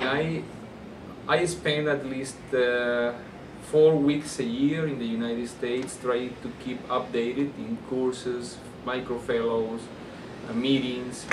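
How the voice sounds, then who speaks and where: In an interview, a man who works as an orthopedic surgeon answers without a script, his Colombian Spanish accent clear and his average-pitched phrasing halting and repetitive. The recording is roomy and distant-miked, with an air conditioner humming.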